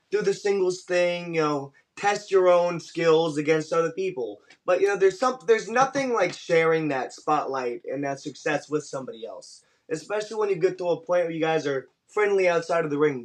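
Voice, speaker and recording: A man speaking as an interviewed pro wrestler, giving casual, measured and diplomatic answers in a conversational way. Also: fairly high pitch.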